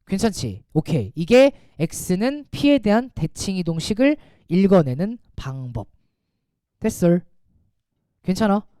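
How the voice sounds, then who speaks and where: A man teaching a math class, talking casually and quizzing his students with quick rhetorical questions. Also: high voice, sing-song, dark tone, clean tone, no echo, clean studio sound. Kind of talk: classroom lecture.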